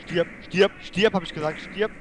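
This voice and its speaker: A man raging and swearing at opponents while playing an online shooter, yelling in outbursts and muttering low in between. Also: moderate pace, a little hiss or hum. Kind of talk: raging gameplay commentary.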